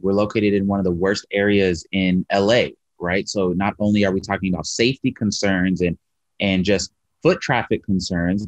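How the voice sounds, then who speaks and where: A coffee shop owner in his thirties speaks earnestly and animatedly on a video call interview from his shop. His lowish voice is dry, coming through a webcam mic with slightly muffled audio.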